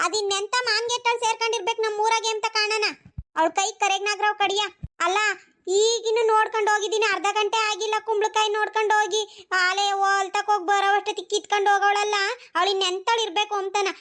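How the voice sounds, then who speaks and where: Cartoon old village granny, voiced by a performer, nagging, squeaky high voice. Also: pushed and bright. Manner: scolding, grumbling to herself. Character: nagging old village grandmother, scolding and suspicious. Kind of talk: cartoon voice acting.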